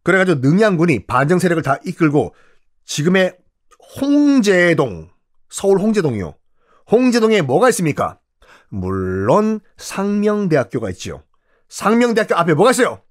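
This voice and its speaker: Brief: male storyteller for comic history, animated and fairly high voiced. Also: normal speed. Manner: playful, theatrical, asks rhetorical questions. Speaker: history lecturer.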